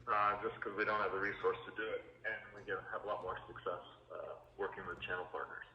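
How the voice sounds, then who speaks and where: Curt deep-voiced man on a dull phone line. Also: little pitch movement, quick pace, echoey room, slight background noise. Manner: curt, brief. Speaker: engineering team lead receiving a cold call.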